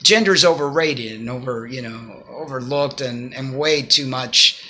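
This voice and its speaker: Husky yet pushed and bright, the mid-range voice takes its time. It belongs to a Cuban man in his fifties who vlogs advice in a rambling, earnest way from his small home living room, using a phone or laptop camera at arm's length.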